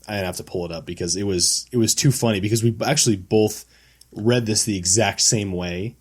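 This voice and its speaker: A man co-hosting a podcast in a basement studio, telling stories in a lively, self-mocking way. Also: on the low side, fairly quick, breathy edge. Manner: animated storyteller, self-mocking. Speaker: podcast co-host. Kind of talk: casual podcast chat.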